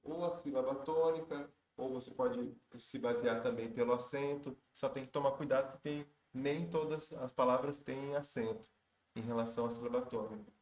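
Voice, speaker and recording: A man's voice: medium pitch, fairly even intonation, moderate pace, a little mellow. A man teaching Portuguese grammar for exam prep. He works through each question step by step, patiently, and often stops to correct himself. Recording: roomy echo.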